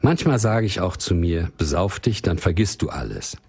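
A guilt-ridden father pours out his worries, read by a man in his own low voice. The voice is deep and husky, with a lively sweep of pitch. It sounds like a quiet storybook reading more than a performance. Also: normal speed, exaggerated voice. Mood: despairing. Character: desperate middle-aged father, remorseful and helpless.

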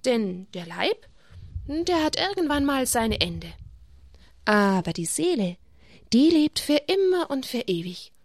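Gentle woman storyteller. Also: high-pitched, big pitch swings, takes it slowly, no room sound, clean studio sound. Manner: gentle, addresses children directly. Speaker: storyteller for children. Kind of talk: Bible story read to children.

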